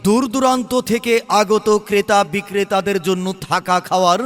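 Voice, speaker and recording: A man making a market announcement in a drawn-out calling voice, heard as an outdoor loudspeaker. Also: high voice, in a large hall, soft background music.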